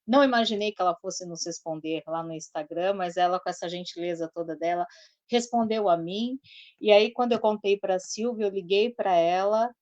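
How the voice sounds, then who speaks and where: A woman's voice: mid-range voice, normal speed, darkish tone, no room sound, lo-fi sound. A woman hosting a live talk show, telling a story in a chatty way full of asides and tag questions. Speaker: host.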